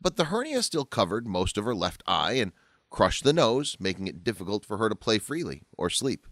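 A man narrates a scripted story with a lowish voice that rises and falls a lot. The recording is close and dry, with no room sound. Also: sing-song, moderate pace, fairly bright tone, dry recording.

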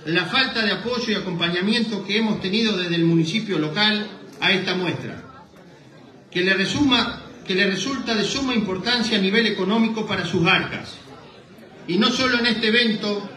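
Speaking at normal speed in a high-pitched, bright and forceful voice, the president of a rural association delivers a formal Spanish address from paper. This middle-aged Argentine stumbles occasionally at the lectern of an indoor hall. The echoey PA sound comes from a boom-stand microphone placed at a distance.

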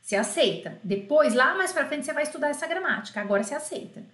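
A woman's voice: high voice, animated, fast talker, fairly bright tone. A woman teaching an online French lesson, coaxing her students and drilling phrases by repetition. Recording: roomy echo.

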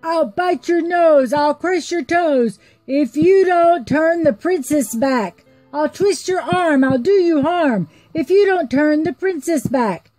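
A woman's voice: on the high side, very animated, slow pace, dark tone, no echo, faint music behind, exaggerated voice, low-quality recording. A woman voicing a brash, boastful young prince in a storybook who makes threats in rhyme. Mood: threatening.

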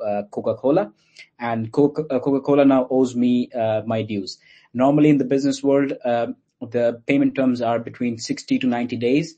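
In an online interview, a Pakistani guest answers questions about his company with patient explanations and frequent fillers. His medium-pitched voice is warm and husky.

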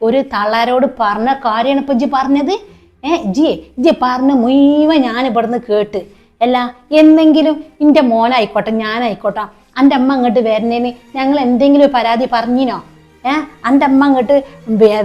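A woman's voice: high voice, close to an everyday voice. A woman playing a stern middle-aged mother-in-law in a short skit, with a Malappuram accent, scolding and reproachful. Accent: Malappuram Malayalam. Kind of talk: short-film skit acting.

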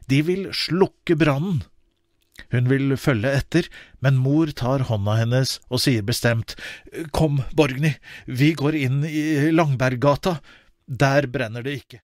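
A man narrating a children's audiobook expressively, with wide swings in pitch. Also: a little mellow, no echo, studio quality.

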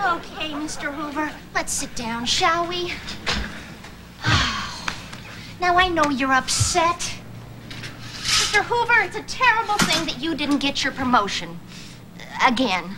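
A sugary, condescending secretary. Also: female voice, sits high, animated, slow pace, pauses often, very noisy. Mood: syrupy. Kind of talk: sitcom acting. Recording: sitcom audio with loud studio audience laughter.

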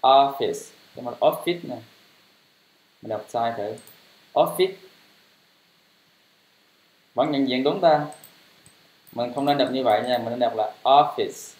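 A man teaching English pronunciation, spelling words letter by letter and repeating them louder. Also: medium pitch, measured pace, pauses often. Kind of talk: pronunciation lesson. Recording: roomy, dull lo-fi sound.

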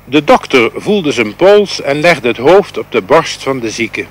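A man reading a fairy tale aloud in a slow, expressive storytelling manner. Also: medium pitch. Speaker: reader.

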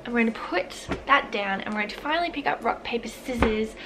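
A woman's voice: on the high side, animated, a little fast, background noise. A young woman, chatting casually and gushing in a reading vlog, full of "like" fillers. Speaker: book vlogger.

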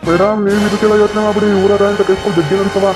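A man's voice: high voice, little pitch movement, rapid-fire, music in the background, natural voice, rough recording. A man playing an eager police constable who keeps advising his madam. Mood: urging.

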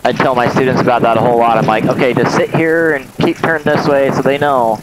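A man's voice: medium pitch, fairly even intonation, fast talker. A man in a biplane cockpit who asks his instructor short, eager questions over a headset intercom. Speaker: student pilot and flight instructor. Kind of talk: in-flight conversation over intercom. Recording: cockpit intercom with loud engine noise. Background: roaring propeller engine.

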